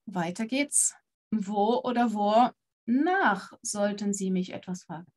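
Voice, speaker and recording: A woman's voice: mid-range voice, lively intonation, takes it slowly, darkish tone. A woman teaching a live online German lesson, encouraging her students and switching between German and English to explain. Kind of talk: online language lesson with quiz.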